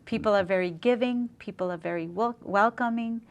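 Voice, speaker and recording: A middle-aged Zambian woman who works as a dentist tells stories eagerly and warmly in a casual interview, using frequent fillers. Her voice is medium-pitched and a little fast.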